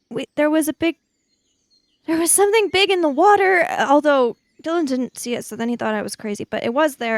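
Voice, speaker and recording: A woman with a high voice improvises in a casual tabletop role-playing game, moving between speaking in character and narrating, at times hesitantly. The recording has no echo.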